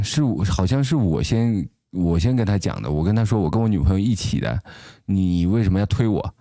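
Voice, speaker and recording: A man hosting a talk show, telling a personal story casually in a halting way and often restarting his sentences. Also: deep voice, mellow, dry recording.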